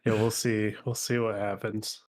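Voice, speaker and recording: A man's voice: lowish voice, little pitch movement, moderate pace. Man, slightly nasal as if healing from a nose operation, hesitant, self-effacing, casual stream guest. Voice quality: slightly nasal, as after recent nose surgery. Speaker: guest, video creator on a game channel. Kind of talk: casual chat on a livestream.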